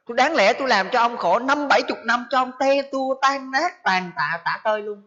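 A man's voice: very high-pitched, moderate pace, sharp tone. A man voicing a resentful dead son who accuses his father with bitter questions, on a dull lo-fi recording. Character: resentful son come back for revenge.

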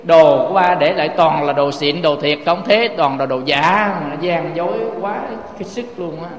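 A man's voice: a little high, normal speed, reverberant, long reverb tail, a crowd in the background. A man with a Southern Vietnamese accent preaching a Buddhist sermon, asking rhetorical questions and turning to his listeners again and again. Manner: rhetorical questions, often addresses listeners directly.

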